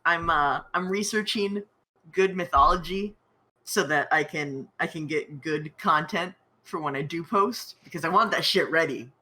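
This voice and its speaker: A woman playing a tabletop game, chatting in lively, joking banter. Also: low-pitched, moderate pace. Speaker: player. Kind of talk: casual role-play banter.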